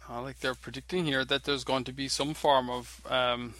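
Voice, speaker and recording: Male video maker, casual rambling chat, bright and forceful delivery. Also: medium pitch, flat delivery, normal speed, no echo. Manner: rambling, full of "you know" and "like".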